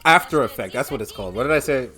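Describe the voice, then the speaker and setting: A woman giving casual, expressive reaction commentary as the host of a video, often exclaiming. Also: a bass voice, rapid-fire.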